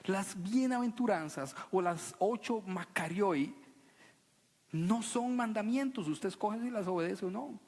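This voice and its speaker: A man preaching a sermon to a congregation, animated and playful, sometimes mocking a solemn preaching voice. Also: high-pitched, unhurried. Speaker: pastor. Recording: long reverb of a church hall.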